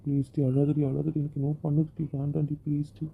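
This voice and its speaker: Fast-talking man, tinny phone sound. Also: fairly high pitch, completely flat delivery, creaky, a little hiss or hum. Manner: pleading, soft-spoken apologies. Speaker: audio drama narrator and lead voice. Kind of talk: amateur romantic audio drama.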